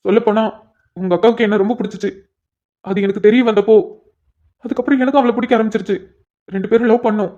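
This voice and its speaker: Guy voicing a frantic lovesick cop, pleading, stammers, talks fast. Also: high voice, steady tone, dark tone, lightly acted. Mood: tearful. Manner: pleading, stammering when upset. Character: anxious lovesick police officer, brother-in-law. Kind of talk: storybook cartoon voice acting. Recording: dull lo-fi sound.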